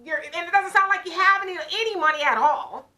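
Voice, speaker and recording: A podcast co-host with an extremely high voice talks fairly quickly in a casual chat. She tells a story animatedly, acting out both sides of the conversation.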